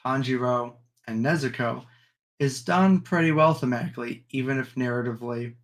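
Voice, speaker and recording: A man's voice: medium pitch, moderate pace. Rambling young man with frequent ums. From United States. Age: young adult. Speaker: podcast co-host. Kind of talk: casual chat.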